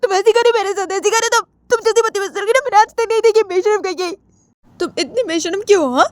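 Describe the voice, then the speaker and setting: A woman voicing a hurt young woman who cries while scolding her girlfriend, in a high, tearful voice. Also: fast, no echo, studio quality. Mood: tearful anger. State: crying.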